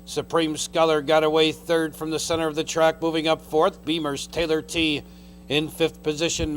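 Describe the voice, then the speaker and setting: High-pitched male race caller. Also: slight background noise. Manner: race-caller delivery in clipped phrases listing horses and positions. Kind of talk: live harness racing commentary. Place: racetrack announcer's call.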